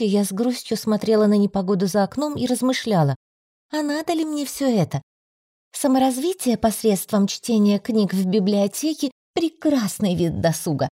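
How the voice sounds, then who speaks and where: A woman narrating a first-person fantasy audiobook in a lively, wry storytelling manner. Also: mid-range voice, dry recording, studio quality.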